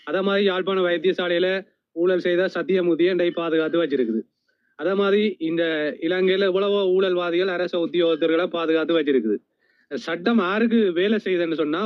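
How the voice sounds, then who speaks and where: A man with a Sri Lankan Tamil accent making a measured case as a live stream guest. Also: sits high, no room sound. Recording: dull dry lo-fi stream audio.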